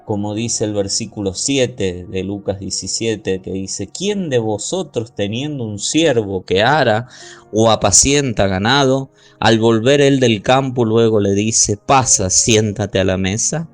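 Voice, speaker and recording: A man preaching a sermon as pastor, slowly and deliberately, stretching out key words and reading scripture aloud. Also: fairly low pitch, faint music behind.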